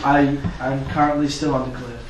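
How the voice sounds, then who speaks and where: A man's voice: medium pitch, level tone, moderate pace. A young man, a college student with a Boston accent, introducing himself casually in class. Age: young adult. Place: classroom, distant microphone. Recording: echoey noisy classroom, far from microphone.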